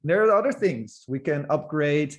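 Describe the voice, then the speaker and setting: A man's voice: fairly high pitch, animated, moderate pace, muffled recording. A man from the Netherlands, giving an informal, enthusiastic presentation as a guest speaker, with occasional restarts. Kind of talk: presentation talk.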